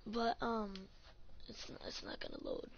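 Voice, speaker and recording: A woman's voice: on the high side, wildly swooping pitch, a little slow, vocal fry, a little hiss or hum. A woman ranting in a casual vlog about her gaming clan, swearing often and saying "like" a lot. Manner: ranting, profane, full of "like". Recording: dull lo-fi audio, faint music.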